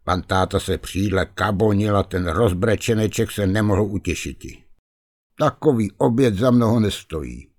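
A man reading a fairy tale aloud in a lively, expressive way. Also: fairly low pitch. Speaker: storyteller.

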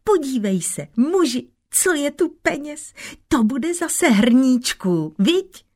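A woman reading a folk tale aloud, voicing a foolish, naive peasant wife who wails and pleads in a high voice. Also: natural voice. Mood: gleeful. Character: silly, whining peasant wife, fearful and naive.

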